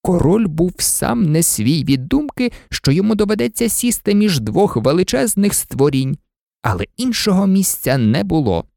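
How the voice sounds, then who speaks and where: Animated male storybook narrator, gravelly. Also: sits high, normal speed, no echo, studio quality. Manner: animated, swooping up and down. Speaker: storybook reader.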